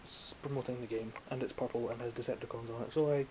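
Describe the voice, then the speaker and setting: Behind the camera, a young Scottish toy vlogger talks casually and wryly about his toy haul, rambling and teasing himself, phlegmy and coughing now and then. He's a fast talker with a steady, mellow mid-range voice. The camera mic audio is low-quality, with slight background noise.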